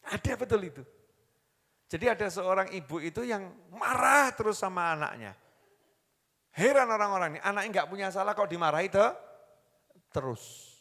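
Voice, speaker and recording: A man with a Javanese accent preaching a sermon, telling stories and acting out the voices of the people in them, going from soft to loud. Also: sits high, animated, moderate pace, pauses often. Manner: storytelling, acts out quoted voices, swings between soft and loud. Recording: long hall reverb.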